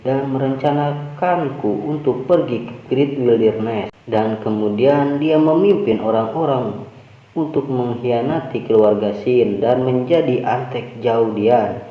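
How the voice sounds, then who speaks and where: A man's voice: medium pitch, a little slow, close to an everyday voice. A man voicing a cold, vengeful young male cultivator in a comic recap, talking with contempt and threat. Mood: bitter. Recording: roomy, dull lo-fi.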